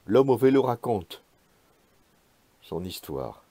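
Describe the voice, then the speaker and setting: A man reading his own literary prose aloud in a measured, hushed, spare way. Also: mid-range voice, very animated, no room sound.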